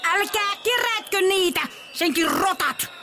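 A cackling, spiteful old granny. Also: female voice, fairly high pitch, sing-song, very noisy. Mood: furious shouting. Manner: cackling, scolding, gloating. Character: spiteful grumpy old grandma, nut-throwing villain.

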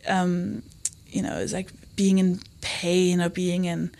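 A woman comedian and author speaks candidly as a guest in a conversational interview, animatedly acting out remarks she and others made. Her voice is fairly low, slow, and creaky.

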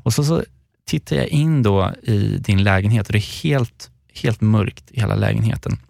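A man's voice: lowish voice, vocal fry, darkish tone, no room sound, clean studio sound. A man in his twenties co-hosting a casual podcast, telling a long anecdote in a rambling way and acting out the quoted lines. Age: 20s. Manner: rambling storyteller who acts out the quotes. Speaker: podcast co-host.

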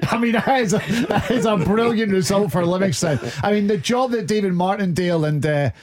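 Higher-voiced Scottish man, teasing and opinionated. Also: fairly quick, over a noisy crowd. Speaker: podcast co-host. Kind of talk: casual chat and football commentary.

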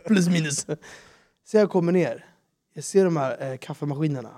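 A man tells a story in a relaxed podcast chat. His voice sits fairly high for a man. He acts out the people in it with lively put-on English lines. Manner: animated, acts out quotes in broken English. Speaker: podcast host.

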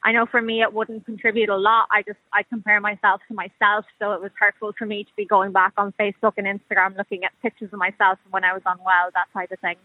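Even-toned Irish woman on a muffled line. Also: mid-range voice, fast, hardly any pauses, dry recording. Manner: informal, conversational. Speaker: radio phone-in guest. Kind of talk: personal account in a radio interview. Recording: dry, muffled narrow-band call.

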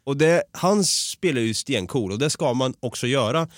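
Animated, swearing male podcast host. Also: medium pitch, no echo, clean studio sound. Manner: animated, swears a lot, laughs often. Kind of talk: casual podcast chat.

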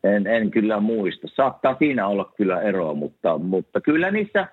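A former hockey player chatting casually on a podcast, halting and full of restarts. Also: male voice, on the low side, very animated, breathy edge. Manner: halting, many restarts and fillers. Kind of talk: casual chat. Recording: tinny phone-like line, dry.

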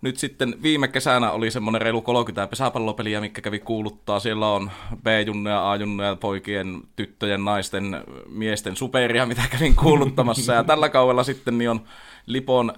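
A man who works as a sports announcer, talking casually about his work with frequent pauses and fillers. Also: fairly low pitch, clean tone. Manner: hesitant, many fillers, steady. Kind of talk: casual chat.

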